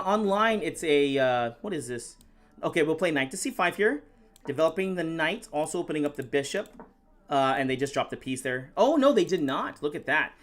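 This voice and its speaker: A man's voice: fairly high pitch, fairly bright tone. A man giving live-stream chess commentary, thinking aloud move by move and chatting with viewers.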